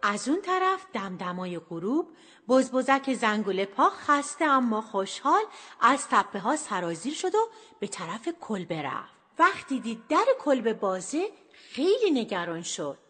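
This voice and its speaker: A woman telling a children's story with lively, expressive narration. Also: on the high side, breathy edge. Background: music.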